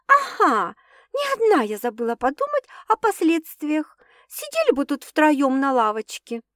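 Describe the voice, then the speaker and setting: A woman's voice: normal speed, dry recording, clean studio sound. A woman voicing an emotional, dramatic young woman who exclaims and protests, her voice raised above the narration. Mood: indignant. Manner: excitable, exclaiming, higher and louder than narration.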